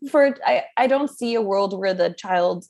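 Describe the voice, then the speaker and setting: A woman's voice: medium pitch, measured pace, darkish tone. A young woman co-hosting a casual chat, giggly and laughing often as she talks. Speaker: podcast co-host. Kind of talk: casual chat recapping a reality show.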